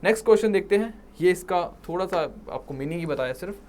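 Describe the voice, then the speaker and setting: A man's voice: sits high, expressive, a little mellow. A man with a Punjabi accent teaching English vocabulary for an exam, mixing Hindi and English and often checking in with his students. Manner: mixes Hindi and English, checks in with "ठीक है?" and "right?"; repeats words slowly for emphasis. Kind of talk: exam-prep vocabulary lecture.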